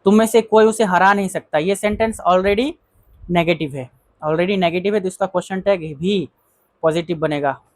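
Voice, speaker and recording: A teacher with a mid-range voice gives a grammar lesson, addressing viewers as friends. Key phrases get repeated, and example sentences are read out slowly.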